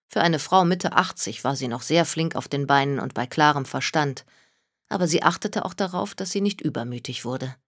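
A narrator reading an audiobook in a calm, measured way into a close mic. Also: mid-range voice, no echo. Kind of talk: scripted narration.

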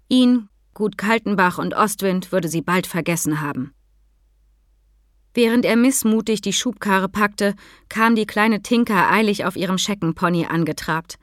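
A woman narrating a children's horse novel as a scripted audiobook, steady and measured, dropping quietly into the dialogue tags. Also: medium pitch, no echo, clean studio sound.

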